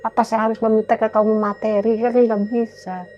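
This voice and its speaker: A man's voice: high voice, flat delivery, a little fast, highs cut off, soft background music. A man from Cirebon giving a personal testimony in a casual interview, telling his story with animation and acting out the dialogue. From Indonesia, Cirebon. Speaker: interview guest.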